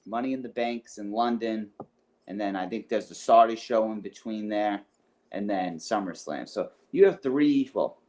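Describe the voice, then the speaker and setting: A man's voice: on the low side, moderate pace, darkish tone. A man co-hosting a wrestling podcast in casual chat, rambling and hedging as he thinks aloud. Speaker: podcast co-host.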